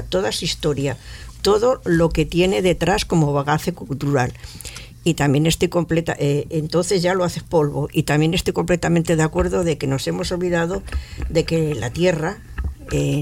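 Woman from Catalonia, radio studio panelist; gravelly, emphatic, hesitant in places. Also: sits low, darkish tone. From Catalonia, Spain. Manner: earnest, emphatic, with frequent hesitations.

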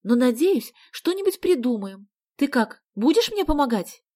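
A quick-tempered schoolgirl, as a woman reading puts her on in an audiobook, scolding in a shrill, high, loud voice. Her pitch jumps about constantly as she exclaims. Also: sing-song. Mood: pressing.

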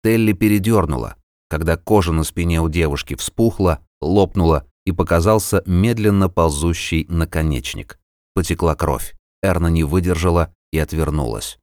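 A man narrating a fantasy novel as an audiobook in a measured, even storytelling manner. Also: deep voice, no room sound, clean studio sound.

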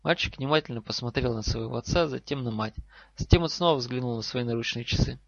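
Мужчина спокойно и ровно читает повествование аудиокниги; запись немного глуховатая. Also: male voice, medium pitch, quick pace, no echo. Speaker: audiobook reader. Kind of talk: fan audiobook narration. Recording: slightly dull lo-fi recording.

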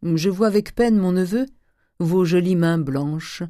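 A man doing a gruff old miser. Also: fairly high pitch, animated, mellow, no echo, studio quality. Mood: scolding. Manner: blunt, grumbling, drawn-out hums. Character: stingy old provincial miser uncle, gruff.

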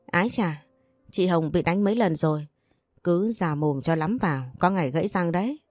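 A woman voicing a spoiled, sharp-tongued young sister-in-law in an audio story, mocking and boastful. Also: fairly low pitch, normal speed, dry recording, studio quality, faint music behind, close to an everyday voice. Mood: scornful.

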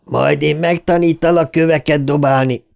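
A man's voice: fairly high pitch, steady tone, gravelly, darkish tone, voice pushed up. A man voicing a cruel teenage boy bully who sneers and jeers. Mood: sneering. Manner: sneering, half laughing.

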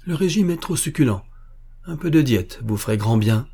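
A man's voice: medium pitch, expressive, normal speed, warm tone, breathy edge, voice pushed up. A man voicing a male castle doctor who speaks in a dry, matter-of-fact way.

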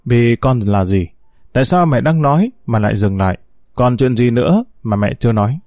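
A man reading a story aloud and voicing a grown son who fires sharp, accusing questions at his mother. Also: medium pitch, lively intonation, moderate pace, no room sound, studio quality, close to an everyday voice. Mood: pressing.

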